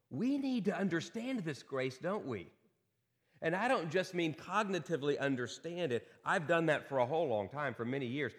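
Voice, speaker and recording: Earnest pastor guy on a pulpit mic, slightly high voice, big church echo trailing off. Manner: earnest, repeats key lines and asks rhetorical questions. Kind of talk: sermon. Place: church sanctuary.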